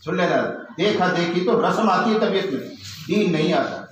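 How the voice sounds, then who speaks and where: A man's voice: high-pitched, normal speed, slight background noise. A man preaching a sermon in a conversational, teasing way, full of rhetorical questions. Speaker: Islamic preacher. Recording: echoey hall from far off.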